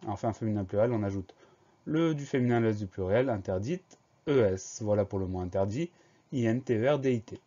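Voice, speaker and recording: A man giving a spelling lesson, slowly spelling out words letter by letter. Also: on the low side, warm tone, lo-fi sound. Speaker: teacher.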